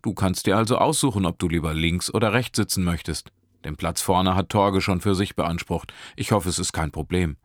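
A man's voice: sits low, normal speed, no room sound, studio quality, close to an everyday voice. A man voicing a talkative young woman driver who teases her passengers and laughs a lot, in an audiobook. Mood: teasing. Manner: talkative, teasing, laughing often. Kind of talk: audiobook character voice.

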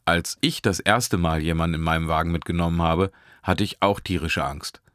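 A chatty, teasing young woman at the wheel, read by a man in his own low voice. She rattles on with amused, joking remarks. The reading is dry and close. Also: moderate pace, fairly bright tone, no room sound. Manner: talkative, teasing, laughing often. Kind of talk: audiobook character voice.

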